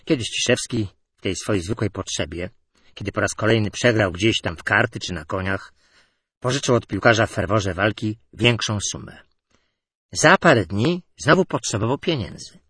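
A man with a low, husky voice reading out short humorous anecdotes. His pitch swings widely as he tells each story with lively timing. The sound is dry and close. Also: dry recording. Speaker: narrator.

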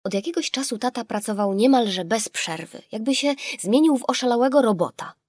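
A woman narrating a children's audiobook in a measured, expressive storytelling manner, recorded in a studio. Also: on the high side, no echo.

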